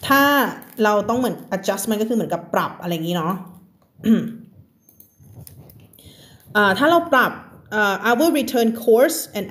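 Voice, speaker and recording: A woman with a Thai accent teaching English on a live stream from home. She reads English lines slowly, explains them in casual chat, and laughs often. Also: medium pitch, a little hiss or hum. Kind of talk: live-streamed reading lesson.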